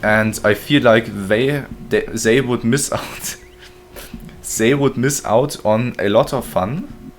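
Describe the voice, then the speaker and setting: A man's voice: mid-range voice, slow pace, slight background noise. A man casually commenting on his gameplay during a live stream, joking and chatting with his viewers. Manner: joking, chatty, reads chat aloud. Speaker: game streamer.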